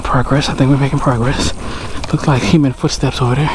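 Walking sandy trails through scrubland, a man in his forties chats casually and jokily to his fishing vlog audience, addressing them as y'all. His medium-pitched voice stays steady and a little fast, captured by a chest-mounted action cam with background noise.

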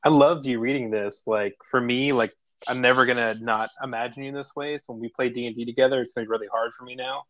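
A man with a medium-pitched voice, fairly even intonation and a quick pace hosts an online stream where he narrates script table reads. Here he chats casually and enthusiastically, rambling informally through a feedback chat. The audio is poor, with no room sound.

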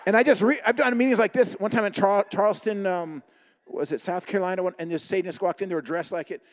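A middle-aged preacher delivers a humorous sermon full of stories, his high-pitched voice rapid and energetic. He tells the tales animatedly and acts out the dialogue, all ringing in a long hall reverb.

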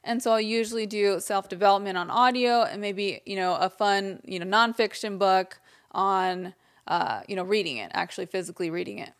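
A woman's voice: medium pitch, normal speed. Playful woman podcast co-host. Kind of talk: casual podcast chat. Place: home studio, indoors. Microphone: desk mic on a stand.

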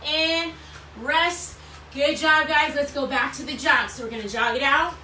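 Recorded from several feet away on a camera or phone, the sound is roomy and distant with noticeable background noise. A thirtysomething aerobics instructor works out indoors in a small, bright home room, repeating encouraging cues and counting moves. Her voice sits high, with a sharp tone, fairly even intonation, and a slightly slow pace.

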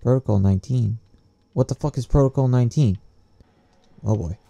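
A man's voice: medium pitch, a little fast, vocal fry. A man giving joking, profanity-laced commentary while playing a shooter game. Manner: profane, excitable, joking to himself. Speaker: gamer. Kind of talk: live gameplay commentary.

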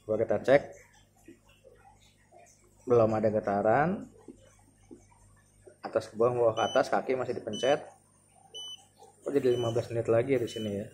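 A man's voice: mid-range voice, normal speed, pauses often, a little mellow. A man in his thirties with a Jakarta Indonesian accent, thinking aloud in an informal, hesitant product demo in a room at home. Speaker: vlogger testing a massage chair. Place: indoors, living room at home. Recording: clear background noise, room ambience.

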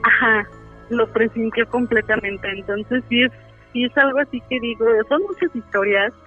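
A woman calls in to tell a story, her voice a little high and husky at a normal speed. She's chatty and casual, leaning on lots of fillers like "este." The phone line sounds tinny, with music playing behind her.

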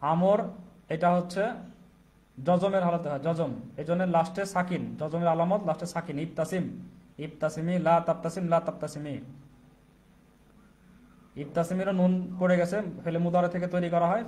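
A man with a Bangladeshi accent teaching a live online Arabic grammar class, drilling verb forms slowly, syllable by syllable. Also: a little high, steady tone, darkish tone.

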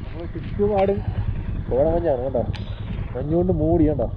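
A man's voice: a little high, expressive, moderate pace. A man with a Malayali accent chats casually to viewers as a solo travel vlogger, mixing English words into his Malayalam. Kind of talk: casual outdoor vlog chat to viewers. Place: outdoors on a rainy, misty hill roadside. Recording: muffled outdoor audio, clear rain and road noise.

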